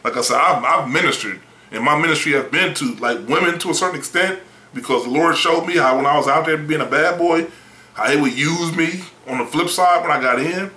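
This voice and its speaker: Blunt, bright-voiced preacher man. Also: a little high, a little fast, echoey room, rough recording. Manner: blunt, emphatic, folksy, repeats words. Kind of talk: preaching a sermon.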